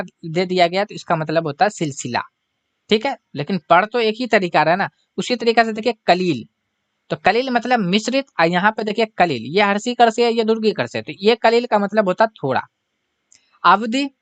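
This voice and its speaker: Patient Bihari Hindi teacher, dry close mic. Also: male voice, sits high, a bit bright, dry recording. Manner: repeats "है ना?" often, patient explaining. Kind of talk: exam-prep lesson explaining homonyms.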